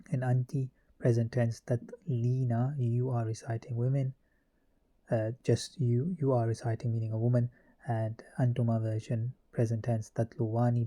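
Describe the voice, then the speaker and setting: A man teaching a grammar lesson, methodically reciting verb conjugations one form after another. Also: mid-range voice. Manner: methodical, reciting verb forms in a steady list.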